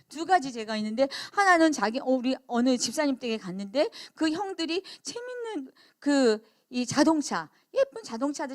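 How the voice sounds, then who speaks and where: High-voiced older woman telling a sermon story. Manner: storytelling, acts out dialogue, frequent interjections. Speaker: missionary speaker. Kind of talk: sermon testimony. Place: church service.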